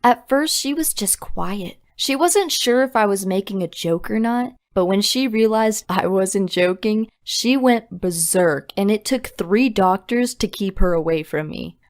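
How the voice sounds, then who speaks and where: A young woman narrating a scripted storytime confession in a brisk, dramatic way. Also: medium pitch, expressive.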